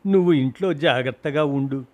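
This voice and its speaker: A man's voice: mid-range voice, a little fast, a little mellow, natural voice. A man reading a grieving husband's story of loss, emotional and rising to cries at the peaks, in a storybook reading. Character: grieving husband recalling his mother's death.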